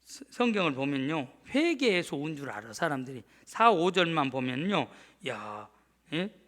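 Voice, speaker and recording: A man's voice: fairly high pitch, big pitch swings, moderate pace, a bit bright. A middle-aged male pastor preaching a sermon emphatically, often asking the congregation to answer back. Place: church sanctuary.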